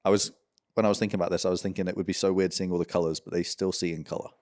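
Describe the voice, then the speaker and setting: A man's voice: low voice, flat delivery, racing, a little mellow. A man co-hosting a podcast, riffing jokily in loose, casual chat. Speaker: podcast co-host.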